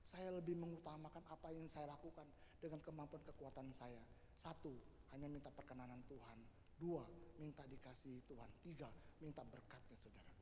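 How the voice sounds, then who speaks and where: A middle-aged man from Indonesia preaching a sermon as a pastor, building from quiet personal testimony to shouted declarations. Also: a little high, slight background noise. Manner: preaching with rising shouts and repeated "saudara" tags. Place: large church hall. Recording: echoey hall reverb.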